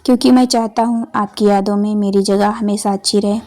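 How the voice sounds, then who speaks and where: A gentle young husband, soft-spoken and teasing, voiced by a woman narrator in a romance audiobook. The delivery stays level and unhurried, with little rise and fall. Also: mid-range voice, steady tone, slight background noise, natural voice. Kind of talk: audiobook character voicing.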